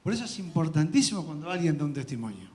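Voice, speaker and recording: A man with a high voice and an Argentine accent preaches in a church. His delivery is earnest and heartfelt as he shares his personal testimony. He pauses, restarts and laughs softly between thoughts. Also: sing-song. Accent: Argentine Spanish. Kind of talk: sermon.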